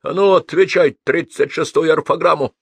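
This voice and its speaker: A man's voice: on the high side, moderate pace, vocal fry, slightly rough, dry recording, pitched above the performer's own voice. A man voicing a crude, raving male gangster spirit that has taken over a man, bellowing slang in a manic way.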